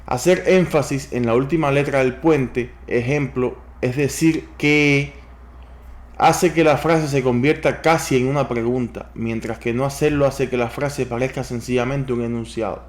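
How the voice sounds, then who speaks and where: A man reads a sales book aloud to his viewers and adds his own commentary as he goes. He stops to advise them directly and reads the worked examples in a measured way. His voice sits at an ordinary middle pitch for a man. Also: steady tone. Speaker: host reading a book aloud.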